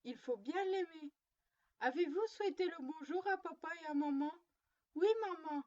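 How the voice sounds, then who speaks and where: A woman's voice: high-pitched, moderate pace, a little mellow, lo-fi sound, natural voice. A woman reading a storybook, voicing a little girl who sternly plays mother to her doll, prim and lecturing. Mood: scolding.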